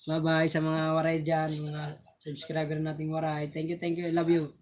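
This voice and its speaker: A man's voice: on the high side, monotone, moderate pace, a little mellow, lo-fi sound. Chatty laughing man on a live stream. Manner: chatty, laughs often, stumbles over words. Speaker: vlogger hosting a live stream. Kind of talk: casual live-stream chat thanking viewers.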